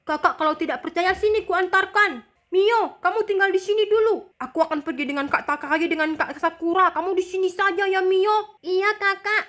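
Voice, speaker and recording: A woman voicing a calm, protective older boy who reassures and bosses his little sister, as role-play for a game video. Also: very high voice, normal speed. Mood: bossy. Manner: reassuring, bossy.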